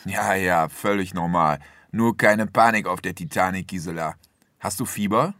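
A man acts out a friendly family doctor with a low-pitched voice, recorded dry. He is soothing and a little jocular as he examines a patient. The delivery is that of a scripted language-learning dialogue. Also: normal speed, a bit bright, dry recording. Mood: reassuring.

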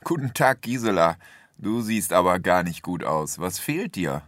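A man playing a friendly, soothing and slightly jocular family doctor in a scripted language-learning dialogue, speaking clearly to a patient. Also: low-pitched, sing-song, a little slow, a bit bright, dry recording, clean studio sound, heavily acted. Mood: friendly concern.

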